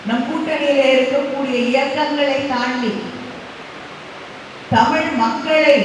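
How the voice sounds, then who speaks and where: A woman giving a formal political speech to party workers, declamatory and deliberate, building points through repetition. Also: high voice. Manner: deliberate, declamatory, with long pauses and repeated rhetorical build-ups. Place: large meeting hall, from a stage. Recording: echoey hall PA, distant, faint hiss.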